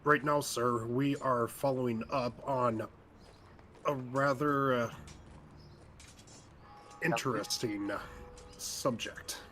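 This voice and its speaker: Man playing a dutiful, halting soldier over music. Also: mid-range voice, fairly even intonation, fairly bright tone. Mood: dutiful, hesitant. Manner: formal, deferential, halting. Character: dutiful male soldier reporting formally to superior.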